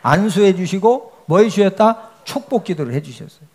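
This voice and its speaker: A man's voice: high voice, animated, moderate pace, a little mellow. A male pastor preaching a sermon, often asking the congregation questions and answering them himself, with frequent emphatic checks to the listeners.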